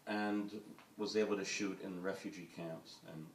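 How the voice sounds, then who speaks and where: A deep-voiced film director answers at a moderate pace with fairly even intonation during a panel discussion. His speech rambles with frequent hesitations, uhs, and ums. It's recorded from a distance in a roomy event hall with an audience, with slight background noise.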